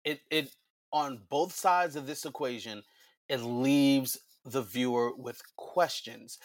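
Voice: medium pitch, slow, no echo, clean studio sound. A podcast co-host breaking down a wrestling segment step by step in casual chat. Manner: explanatory, builds points step by step.

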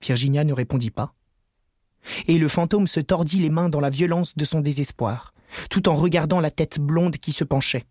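A man's voice: on the high side, normal speed, darkish tone, no echo, studio quality. Man narrating a classic tale. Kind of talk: audiobook narration.

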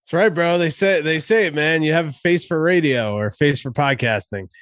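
Male co-host, breezy and slangy, smooth clear voice, closely recorded casual conversation. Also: fairly high pitch, a little fast, fairly bright tone, no room sound, clean studio sound. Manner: breezy, slangy bro talk. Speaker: podcast co-host. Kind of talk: casual chat.

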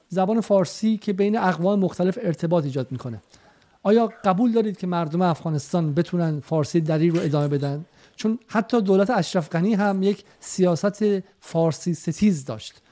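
A man's voice: sits high, mellow. A man asking direct, insistent questions as an interviewer.

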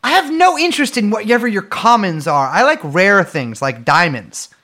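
A man co-hosting a podcast from his bedroom at home, rambling through deadpan jokes in casual chat. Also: sits high, moderate pace. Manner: rambling, jokey, deadpan absurd bits. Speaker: podcast co-host.

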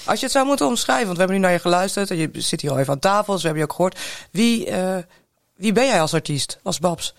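Hoge, krakerige podcasthost. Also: male voice, high-pitched, expressive, fast, creaky, dry recording, studio quality. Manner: upbeat, laughs easily. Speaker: podcast host. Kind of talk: podcast interview. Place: studio at a table.

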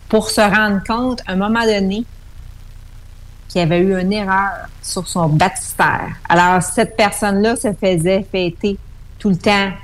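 A woman's voice: mid-range voice, low-quality recording. A woman with a Québécois accent, calling in over the phone as a radio guest and explaining at length with fillers and restarts. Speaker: numerology guest.

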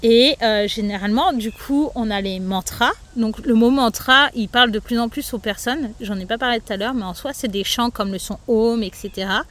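A woman with a fairly high voice talks loosely in a podcast interview, her sentences full of fillers and restarts. She speaks as a yoga teacher explaining her practice to the host. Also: moderate pace, few pauses, a bit bright. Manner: loose, chatty, many fillers.

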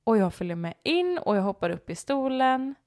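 A woman co-hosting a casual podcast chat, telling stories in an animated way and often breaking into shrieking laughter. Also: fairly high pitch. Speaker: podcast co-host.

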